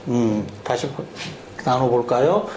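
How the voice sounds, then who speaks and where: A man's voice: medium pitch, animated, slow pace, a little mellow. A man teaching a lesson, drilling spelling syllable by syllable and asking the listener questions as he goes. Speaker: English teacher. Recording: echoey room with faint hum.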